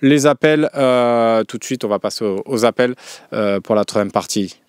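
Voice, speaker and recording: A man's voice: medium pitch, moderate pace, darkish tone, smooth, no room sound, studio quality. Hesitant man hosting a live quiz. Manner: hesitant, many fillers and restarts. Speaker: show host. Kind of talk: casual live show chat.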